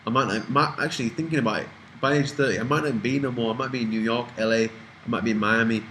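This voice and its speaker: A man's voice: mid-range voice, fast, a bit bright, slight background noise, rough recording. A man in his twenties from the UK, chatting casually and rambling as he answers viewer questions, swearing freely. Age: 20s. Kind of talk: casual Q&A chat.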